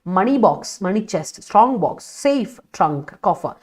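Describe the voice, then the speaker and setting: A woman English teacher from Kerala leads a live online vocabulary class in a lowish, sing-song voice that's a little mellow, speaking at normal speed. She blends English words into her explanations, reads student chat aloud, and laughs often while answering.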